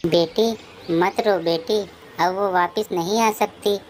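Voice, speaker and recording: A woman's voice: low-pitched, a little slow, slight background noise. Woman voicing a weary father sparrow. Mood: consoling. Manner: pleading and tearful. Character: grieving male sparrow father, gentle, worn out. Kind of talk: cartoon voice acting.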